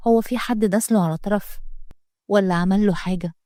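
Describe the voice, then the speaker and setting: A woman's voice: medium pitch, brisk, dark tone, dry recording, clean studio sound, natural voice. A woman voicing a spirited young working woman with an Egyptian accent, questioning indignantly in a story reading. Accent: Egyptian Arabic. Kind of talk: storytelling read-aloud.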